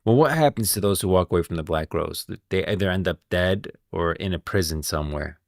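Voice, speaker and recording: A man with a low voice and vocal fry streams casual game lore commentary at a slightly fast pace, rambling, thinking aloud and often repeating himself. The recording is studio quality with no echo.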